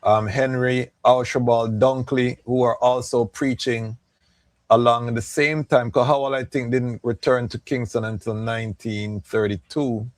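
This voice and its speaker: Man, mid-pitched, measured co-host, dry close recording. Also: little pitch movement, dry recording. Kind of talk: live talk show discussion.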